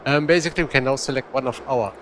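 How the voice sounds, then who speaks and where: A man's voice: mid-range voice, racing, a bit bright, a little hiss or hum. A man hosting a gaming video in a chatty, rambling way, often correcting himself. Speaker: gaming channel host. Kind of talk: casual gameplay commentary.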